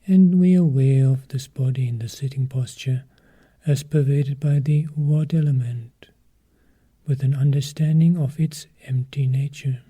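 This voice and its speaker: Calm and unhurried, a man leads a guided meditation in a soft, husky, breathy mid-range voice. Each short, measured phrase is followed by a long pause.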